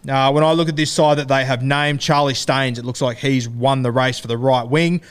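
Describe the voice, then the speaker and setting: A man's voice: medium pitch, steady tone, normal speed, clear, resonant tone. An Australian man hosting a sports podcast in a casual, broad, slangy, blokey style. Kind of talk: casual fantasy rugby league chat.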